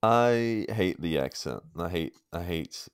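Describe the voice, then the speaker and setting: A man's voice: low voice, lively intonation, slow pace, clean tone, no echo. A man co-hosting a sports podcast in a casual, opinionated way, often laughing. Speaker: podcast co-host.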